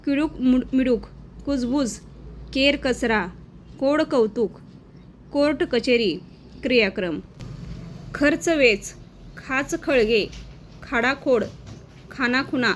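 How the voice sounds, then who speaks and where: A woman teacher giving an exam-prep lesson, reading out word pairs one by one in a slow, clear dictation. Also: on the high side, slight background noise.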